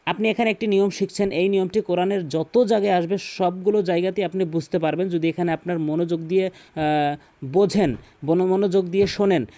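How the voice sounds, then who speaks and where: A male Quran recitation teacher with a Bangladeshi accent. His voice sits high for a man, with a dark, mellow tone, and he walks through the rules patiently, repeating and recapping as he goes. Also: fairly even intonation, fairly quick. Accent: Bangladeshi Bengali. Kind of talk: tutorial explanation with recited examples.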